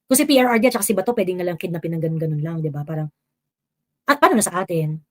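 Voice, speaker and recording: A woman's voice: on the low side, expressive, very fast. A Filipino woman hosting a live stream, reading viewer comments and talking politics in a casual mix of Tagalog and English, full of fillers and exasperated asides. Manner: switches between Tagalog and English, many fillers, rising exasperation.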